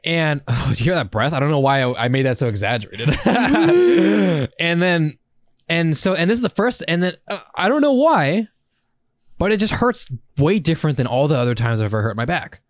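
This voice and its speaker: Young dude on a podcast, super expressive pitch, swears a lot, acts stuff out, dry close mic. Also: male voice, fairly quick, no echo. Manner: animated storytelling, swears a lot, acts out his own reactions. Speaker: podcast co-host. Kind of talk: casual chat.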